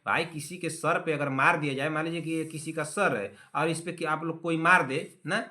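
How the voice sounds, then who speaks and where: Young male tutor, bright and slightly high voice, scolds and teases his class, repeats key words. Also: fairly even intonation, normal speed. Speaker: teacher. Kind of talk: online exam-prep class.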